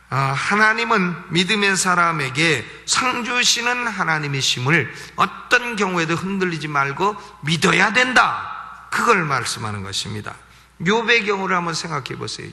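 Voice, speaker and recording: A man's voice: on the high side, pushed and bright. A male pastor giving an expository sermon, emphatic, repeating key phrases and asking rhetorical questions. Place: church sanctuary. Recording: long church reverb.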